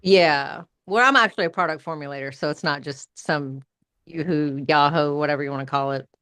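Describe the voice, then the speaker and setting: A woman who formulates products, joining a casual chat with eager, quick bursts of talk. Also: deep voice, fairly bright tone, dry recording. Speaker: product formulator, live viewer.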